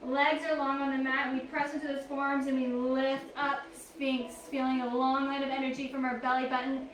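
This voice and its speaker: A woman leads a yoga flow with calm, encouraging cues and counts, a little out of breath. Her voice sits high. The sound is roomy and echoey, with a faint hiss underneath. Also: moderate pace. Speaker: yoga instructor. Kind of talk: guided yoga class cues. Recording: echoey room, mic at a distance, faint noise.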